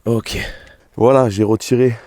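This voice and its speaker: A man's voice: medium pitch, steady tone, unhurried, mellow, a little hiss or hum. A young man casually vlogging about his car, swearing often and thinking aloud as he works in his garage. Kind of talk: casual vlog commentary.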